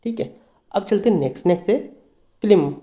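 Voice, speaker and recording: A man's voice: high-pitched, animated, brisk, warm tone, reverberant. A man teaching a language lesson, asking and answering his own questions and spelling words letter by letter. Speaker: English teacher.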